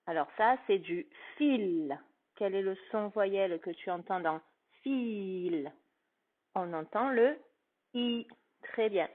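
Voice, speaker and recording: Patient woman teacher, slow and clearly spoken, phonics lesson for a child, recorded with a thin phone-line sound. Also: mid-range voice. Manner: slow, carefully articulated, patient, addressing a child.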